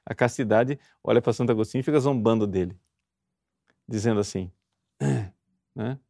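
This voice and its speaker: A man with a Brazilian Portuguese accent preaching fervently, pressing his listeners with rhetorical questions and reading quoted passages slowly and solemnly. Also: medium pitch, gravelly, dark tone, no echo, clean studio sound. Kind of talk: sermon explaining a spiritual classic.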